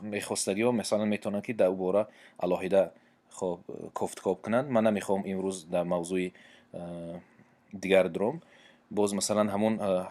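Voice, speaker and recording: A man's voice: lowish voice, a little mellow. Tajik-accented man teaching patiently. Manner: patient, repeats points and examples, frequent hesitations. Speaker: Quran recitation teacher. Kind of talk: religious lesson explaining pronunciation.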